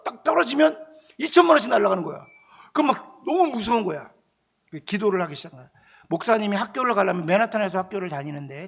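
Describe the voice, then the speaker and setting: A male pastor telling a personal story in a lively, conversational sermon, acting out the voices of the people in it. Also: sits high, creaky, breathy edge. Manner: animated, conversational, acting out quotes, shouting at peaks.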